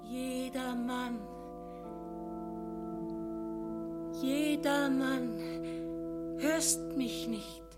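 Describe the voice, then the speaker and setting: Frail, pleading good deeds. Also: female voice, fairly high pitch, slow pace, loud music behind the voice. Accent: Bavarian. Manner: weak, pleading, tender. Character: frail sick woman, embodied good deeds, gentle. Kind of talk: broadcast radio play acting.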